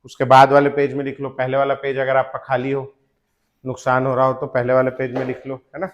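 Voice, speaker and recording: A man's voice: medium pitch, completely flat delivery, brisk, dull audio, slight background noise. A male teacher giving a classroom chemistry lecture, chanting element names in rhythm and joking with students. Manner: addresses students as beta, jokes about fathers.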